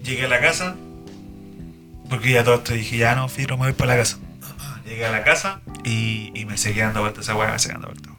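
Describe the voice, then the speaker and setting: A man's voice: mid-range voice, level tone, fast talker, over music. A young man with a Chilean accent, a guest in a casual chat, telling a story in slangy talk full of fillers and repeated tags. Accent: Chilean Spanish. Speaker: guest, driver.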